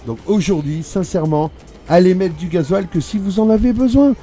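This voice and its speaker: A man's voice: high-pitched, normal speed, dark tone, faint music behind. A man in his forties from northern France, chatting casually and jokingly while playing a truck driving game, swearing freely. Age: 40s. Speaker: streamer playing a truck simulator.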